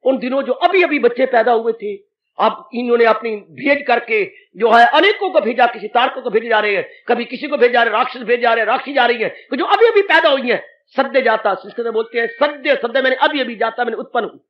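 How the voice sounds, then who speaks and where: A man giving an animated devotional sermon as a spiritual teacher, exclaiming and dramatizing as he speaks. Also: very high-pitched, fast, lo-fi sound. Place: satsang hall. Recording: echoey 1980s hall recording.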